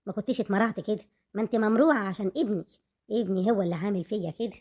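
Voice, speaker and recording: A woman's voice: mid-range voice, very fast, natural voice. A woman playing a harsh, nagging older mother-in-law, speaking with an Egyptian accent in a comedic web skit. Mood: scolding. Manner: nagging, insulting, sharp-tongued.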